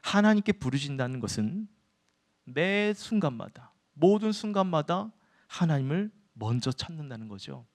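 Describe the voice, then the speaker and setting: Male pastor, higher voice, preaches a sermon in church and poses questions to the room. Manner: addresses the congregation often, asks questions and answers them.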